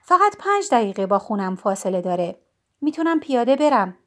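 Shy young brother in an audiobook, hesitant and soft-spoken, as a woman reads him. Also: a little high, very animated.

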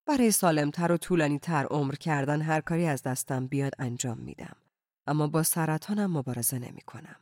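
A reader doing a soft-spoken, gentle Sufi mystic man. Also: mid-range voice, dry recording, clean studio sound, lightly acted. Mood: calm. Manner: soft-spoken, slow and reflective. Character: calm, gentle male Sufi mystic with cancer. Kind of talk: audiobook character reading.

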